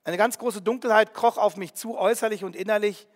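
A man narrating a first-person story in an earnest, vivid way, with quiet emotion. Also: sits high, fairly even intonation, brisk, big-room sound.

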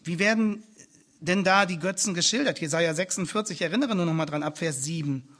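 A male pastor delivers a sermon in a slightly husky, somewhat high voice. He hammers his points home with repeated phrases and rising emphasis, speaking from the pulpit of a church. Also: brisk, a bit bright.

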